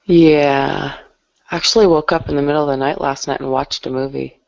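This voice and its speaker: Sleepy female guest, gravelly morning rasp, dry lo-fi call audio. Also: low-pitched, moderate pace, no echo. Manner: drowsy, relaxed, gravelly. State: just woke up, morning voice. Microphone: video call.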